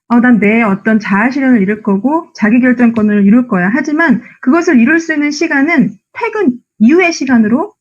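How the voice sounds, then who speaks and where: Lively high-voiced woman lecturing. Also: slightly rough, muffled recording. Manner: animated, asks the audience rhetorical questions. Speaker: speech instructor giving a lecture. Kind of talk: lively motivational lecture to an audience.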